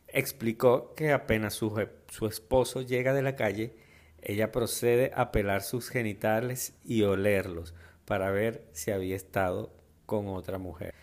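Slangy Venezuelan man, lowish voice. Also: a little mellow. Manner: rambling, slang-heavy, joking. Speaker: podcast host. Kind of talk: casual solo podcast chat.

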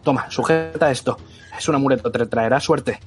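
A man's voice: mid-range voice, a little fast, slightly rough, close to an everyday voice. A determined woman comforts a frightened child with urgent, soothing words, as a man acts her out in a tabletop game. The voice stays close to an everyday man's voice. Faint music sits in the background. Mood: reassuring. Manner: urgent, reassuring. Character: brave protective adult woman investigator.

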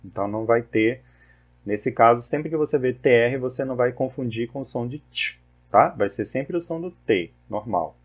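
A man teaching English pronunciation rules in a slow, methodical lesson, patiently repeating lists of words. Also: medium pitch, expressive, husky.

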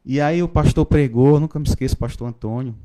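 A man, a pastor giving his conversion testimony in a podcast interview, telling it in a lively storytelling way with frequent tag questions. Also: medium pitch, fast talker. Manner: storytelling, animated, frequent "né?" tags.

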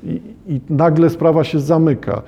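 A man's voice: on the high side, fairly even intonation, normal speed, creaky, mellow, slightly rough. A man lecturing on a novel, reflective in tone, reading passages aloud and addressing his listeners directly.

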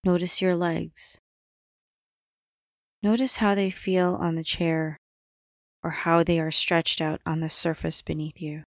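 A woman guiding a relaxing body-scan meditation in calm, soothing instructions with long pauses. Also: fairly low pitch, dry recording, clean studio sound. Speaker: meditation guide.

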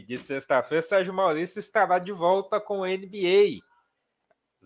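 A man with a Brazilian Portuguese accent, hosting a sports show, signing off and teasing his colleagues in an upbeat way. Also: a little high. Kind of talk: sign-off and announcements.

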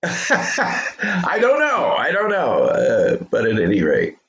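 A man co-hosting a casual remote podcast, talking with many pauses, ums and restarts. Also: fairly high pitch, wildly swooping pitch, a bit bright, reverberant, lo-fi sound. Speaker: podcast co-host.

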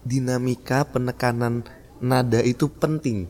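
A man's voice: medium pitch, steady tone, a little slow, a little mellow, a little hiss or hum. A man talks through his podcast in a loose, friendly way. He is chatty and laughs often, and he keeps showing how a line sounds with different stress. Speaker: podcast host. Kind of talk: casual talk about public speaking.

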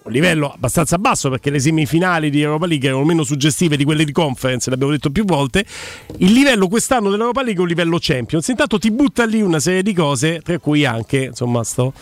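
A man's voice: fairly high pitch, animated, fast talker, dry recording. A man with a Roman accent hosting a sports radio show in a casual, bantering, colloquial way.

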